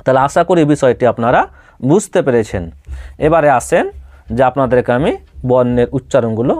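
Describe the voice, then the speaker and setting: A Quran reading teacher with a Bengali accent gives a step-by-step lesson on sounding out Arabic letters, patiently repeating each one and questioning the listener. His mid-range voice is expressive, a little fast and mellow, in clean studio quality with no room sound.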